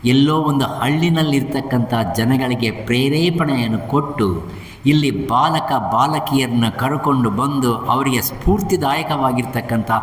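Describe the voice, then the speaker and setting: A man's voice: mid-range voice, measured pace. A man giving a devotional storytelling discourse at an ashram, animatedly acting out the characters. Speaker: religious discourse speaker. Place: ashram hall. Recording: reverberant hall.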